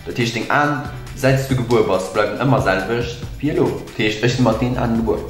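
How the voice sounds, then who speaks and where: A man's voice: mid-range voice, a little fast. A young adult man with a Luxembourgish accent, co-hosting a video and casually presenting facts and tricks. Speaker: video co-host. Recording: echoey room with music behind. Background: music.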